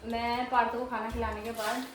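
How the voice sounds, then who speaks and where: A woman's voice: fairly high pitch, level tone, a little fast, slight background noise. A young woman from India with a Pahari Hindi accent, vlogging casually at home with a phone camera, chatting and cooing at her toddler.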